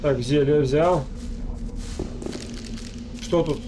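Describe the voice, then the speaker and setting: Casting: male let's play host, fairly high voice, casual muttered commentary, game noise behind. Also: extremely slow. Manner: muttering to himself while playing, addressing viewers. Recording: noisy, game sound behind voice.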